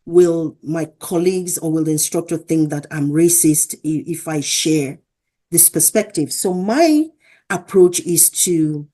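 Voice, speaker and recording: A woman's voice: sits low, measured pace, mellow. Woman from Africa telling classroom stories. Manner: earnest, acts out quoted dialogue. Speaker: guest, associate professor. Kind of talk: interview, conversational storytelling.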